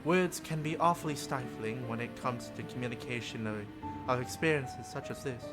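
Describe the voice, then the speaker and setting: With music playing underneath, a man reads a visual novel aloud during a live stream, hamming up the narration and cracking jokes in between. He has a mid-range voice and talks at a normal speed.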